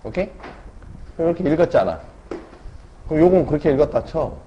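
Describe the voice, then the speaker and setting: A man's voice: fairly high pitch, big pitch swings, brisk, warm tone. A man teaching a math lesson in a casual way, often checking in with students as he explains. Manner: casual, keeps checking in with the class with tag questions. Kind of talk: classroom math lecture. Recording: dull lo-fi classroom recording with faint noise.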